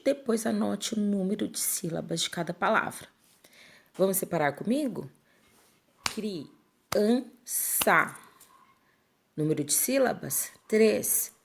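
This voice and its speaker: A woman teacher giving a lesson to schoolchildren, dictating words slowly and checking in with her pupils. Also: lowish voice. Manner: slow, clear dictation, syllable by syllable. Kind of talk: classroom lesson for children.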